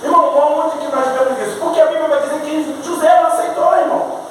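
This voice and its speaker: Fervent high-voiced Rio preacher. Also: male voice, fairly even intonation, fast talker, slight background noise. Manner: fervent, calls out to the congregation. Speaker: pastor. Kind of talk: sermon. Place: church hall. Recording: echoey church hall from far off.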